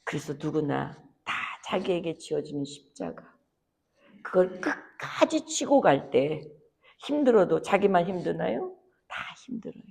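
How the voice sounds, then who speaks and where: A woman pastor preaching a sermon in church, her voice swinging between hushed, near-whispered lines and loud, high, impassioned appeals. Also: very animated, measured pace, vocal fry, breathy edge. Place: church sanctuary.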